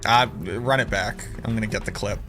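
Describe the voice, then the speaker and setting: A man's voice: fairly low pitch, normal speed, sharp tone, soft background music. A man with a Boston accent bantering casually on a game stream, teasing, repeating himself insistently and swearing freely. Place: live stream voice chat with game music behind.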